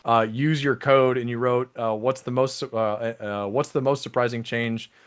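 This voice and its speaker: A man's voice: mid-range voice, steady tone, moderate pace, clean tone. A man hosting a podcast, asking questions and joking in a casual interview. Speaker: podcast host.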